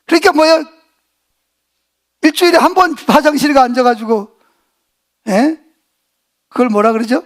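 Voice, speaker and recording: High-pitched middle-aged pastor guy preaching, keeps throwing questions at the congregation, jokey and blunt. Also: fairly even intonation, normal speed, long pauses. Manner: call-and-response preaching, asking the congregation questions; folksy, joking and blunt. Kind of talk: sermon.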